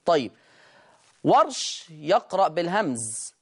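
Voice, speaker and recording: A Quran recitation teacher with an Egyptian accent, explaining quickly and then slowly drawing out each word to demonstrate how it is read. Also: mid-range voice, big pitch swings, husky. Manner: brisk explanation, slow drawn-out demonstration of words. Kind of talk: recitation lesson.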